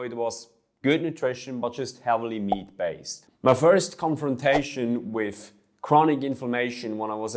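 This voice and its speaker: A young Swiss fitness coach talks earnestly about his own experience in a personal vlog monologue, making small restarts as he goes. His voice is medium-pitched with a darkish tone.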